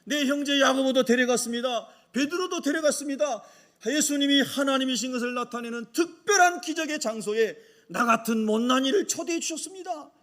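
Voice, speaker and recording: A man's voice: very high voice, brisk, a bit bright. A man preaching as a humble, hot-tempered Galilean fisherman apostle, making an earnest first-person confession. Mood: grateful.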